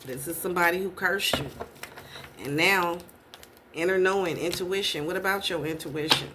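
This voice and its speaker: A woman's voice: on the low side, moderate pace, noisy background. Blunt, profane woman tarot reader. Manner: blunt, profane, repeats rhetorical questions. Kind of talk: casual tarot reading.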